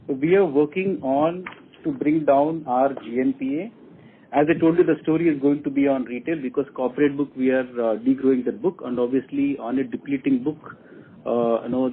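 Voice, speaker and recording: On a muffled telephone conference line with faint noise, a company executive with an Indian accent answers earnings-call questions. He speaks deliberately in a steady, mid-range voice, repeating himself and listing his points one after another.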